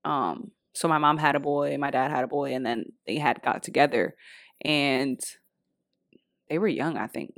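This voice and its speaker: A young woman with a very low, gravelly voice chats on a podcast. She talks hesitantly, stopping and restarting as she thinks, and the sound is dry and close. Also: moderate pace, no echo. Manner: hesitant, full of restarts and fillers. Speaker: podcast co-host. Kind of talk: casual chat.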